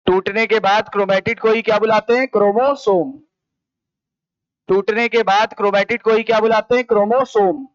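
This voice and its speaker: A man's voice: high voice, fairly even intonation, normal speed, smooth, no echo, dull audio. A man with an Indian accent teaching a biology class, firing the same question at students again and again. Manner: repetitive question-and-answer drilling. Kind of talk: classroom lecture. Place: coaching classroom.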